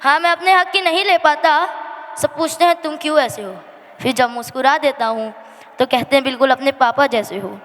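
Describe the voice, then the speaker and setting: A girl's high voice, a bit bright, fills a school hall with long reverb as she performs a dramatic poetic monologue at the annual day. She speaks with plaintive, emphatic feeling and stretches out the refrains.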